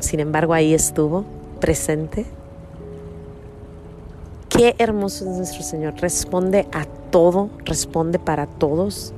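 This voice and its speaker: A middle-aged woman gives a personal faith testimony in a somewhat low voice. She speaks earnestly and repeats herself, often checking in with small tag questions. Soft music plays faintly behind her. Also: takes it slowly, pauses often. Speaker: mother telling a faith testimony.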